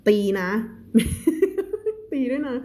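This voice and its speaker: A woman's voice: sits high, very animated, dark tone. A Thai-speaking woman teacher reading an English story aloud on a live stream, explaining words in Thai and greeting viewers. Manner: reads English slowly, then explains in Thai; greets viewers and thanks them for gifts mid-lesson.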